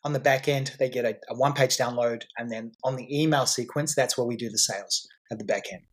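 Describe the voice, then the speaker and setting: A man appears as a guest entrepreneur on a podcast, explaining his business in a confident, salesy manner and frequently repeating himself and restarting. His medium-pitched voice moves quickly with fairly even intonation.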